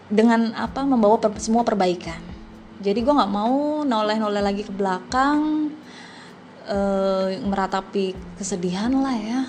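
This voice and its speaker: A woman's voice: mid-range voice, a little mellow. Woman podcast host, chatty, giggly, slangy, faint music behind. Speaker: podcast host answering listener questions. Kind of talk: casual podcast Q&A.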